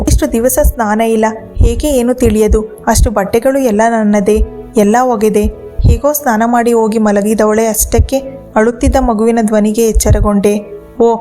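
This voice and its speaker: A woman narrating an emotional first-person story, quoting others in her own voice. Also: on the high side. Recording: soft background music.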